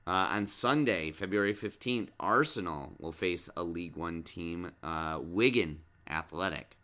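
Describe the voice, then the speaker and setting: A middle-aged man with a very deep voice hosts a relaxed sports podcast alongside his child. His tone is bright and forward, and he patiently coaxes answers with one question after another. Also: unhurried. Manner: patient, coaxing, asks lots of questions. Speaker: podcast host and dad.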